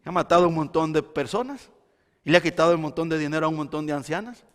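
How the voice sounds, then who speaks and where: A man preaching a Sunday sermon as pastor, swinging between loud emphasis and quiet intensity. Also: on the high side, quick pace. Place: church sanctuary. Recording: long church hall reverb.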